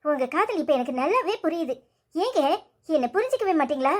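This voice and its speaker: A hurt, pleading young wife in a cartoon story, voiced by a woman. She sits very high and thin in pitch and keeps pressing her husband with reproachful questions. Her tone stays wounded and insistent. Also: very animated, brisk.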